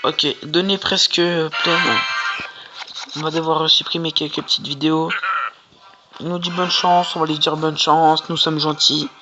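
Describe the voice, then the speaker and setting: A gamer doing casual, slangy, exclamatory live commentary on gameplay, with a mid-pitched voice. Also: flat delivery, unhurried, muffled recording. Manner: informal, slangy, exclaiming at plays. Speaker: gaming video creator. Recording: music behind the voice. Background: music.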